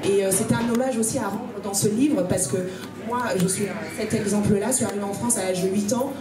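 A woman from Congo in her thirties speaks on a panel at a live event about her book, earnestly and steadily, often pausing with hesitations, into a handheld mic. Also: mid-range voice, fairly even intonation, music in the background. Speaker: author on a panel. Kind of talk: panel talk. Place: small room at a live event. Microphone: handheld microphone. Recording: roomy, from far off.

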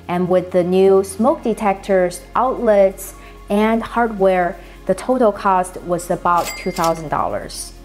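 A woman hosting her own channel, calmly walking through renovation costs in a steady, matter-of-fact delivery. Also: mid-range voice. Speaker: house flipper, channel host. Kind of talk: scripted cost walkthrough.

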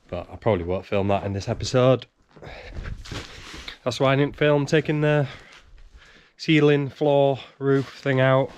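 With a lowish, darkish voice, this thirty-something homesteader vlogger talks wryly to himself as he works. He is filming on a handheld action camera while tearing out a half-demolished wooden barn, keeping up a chatty running commentary.

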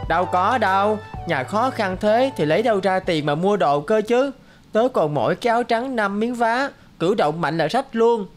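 A woman voices a good-natured, loyal schoolboy in a cartoon, giving him a casual, youthful manner and friendly chatter. Her mid-range voice is lively in intonation at a moderate pace, close to her everyday voice, with soft music playing behind.

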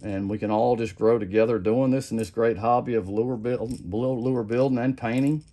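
In a moderate-paced, mid-range voice, a middle-aged man shows how something's done at his home workbench. He's a custom lure maker who keeps things relaxed and plain, circling back over points and repeating "like I said" as he rambles.

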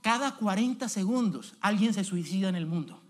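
A man's voice: high voice, expressive, normal speed, faint music behind. A man preaching a sermon as an evangelist in a church, speaking emphatically and asking the congregation direct questions.

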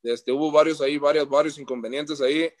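Boastful boxer, slightly high voice. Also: male voice, steady tone, a little fast, darkish tone. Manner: boastful, trash-talking. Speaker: professional boxer. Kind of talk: post-fight interview.

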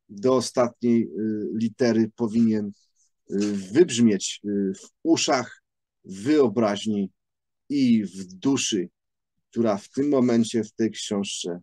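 Slow, hesitant man reviewing a book. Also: fairly low pitch, warm tone, dry recording. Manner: halting, many drawn-out "y" fillers, thoughtful.

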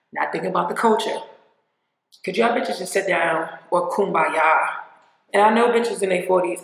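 A woman's voice: fairly low pitch, creaky, echoey room, rough recording. A woman vlogger talking bluntly and profanely in a rambling, casual opinion rant.

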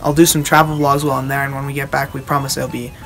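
A young man giving a casual, halting show-and-tell as a video host, recorded outdoors at a short distance from the camera. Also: mid-range voice, little pitch movement, fairly bright tone, soft background music. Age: teenager or young adult. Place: outdoors on a wooden backyard deck.

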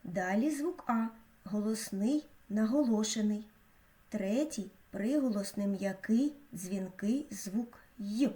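A woman with a mellow, dark-toned voice narrates a school lesson. She speaks slowly and clearly, like a teacher, pronouncing each sound with care. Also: mid-range voice. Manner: slow, clear, teacherly delivery with careful pronunciation. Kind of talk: scripted educational narration.

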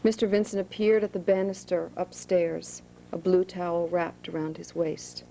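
A woman author reading her own novel aloud to students in a high school room, with plain asides. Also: level tone, normal speed, creaky, dark tone, slight background noise, poor audio.

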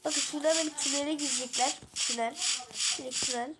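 A high, creaky, female-sounding voice comments casually on a game for viewers. The talk is chatty and broken up by short interjections. The recording is very noisy, with clicks. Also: steady tone, fast talker. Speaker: video creator addressing viewers. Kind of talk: casual gameplay commentary while building in a video game.

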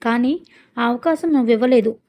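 A woman voicing a forceful, entitled young husband in a spoken story, with blunt, dismissive lines delivered low and quiet. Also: a little fast, close to an everyday voice. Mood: cold, dismissive. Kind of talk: storytelling with quoted dialogue.

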